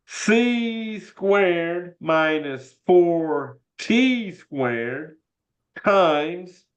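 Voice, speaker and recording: A male algebra teacher with a Southern US accent and a highish voice runs an informal, folksy lesson indoors via online video, solving examples and using "y'all" a lot. The class sound is muffled, dull and lo-fi.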